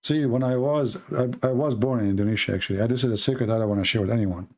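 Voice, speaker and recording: A man giving late-night livestream commentary, mocking and halting, with sarcastic asides. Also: mid-range voice, darkish tone. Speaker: online debate streamer.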